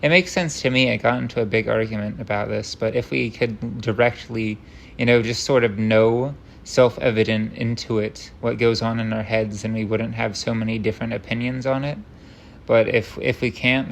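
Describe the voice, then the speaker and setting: A man's voice: fairly low pitch, steady tone, moderate pace, vocal fry, a little hiss or hum. A man rambling through an unscripted, tangent-prone rant, stopping and restarting himself, with wry self-deprecating humor.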